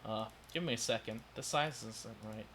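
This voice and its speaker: A man's voice: fairly low pitch, normal speed, over a noisy crowd. A man narrating as game master of a tabletop game, in stop-start speech with many fillers.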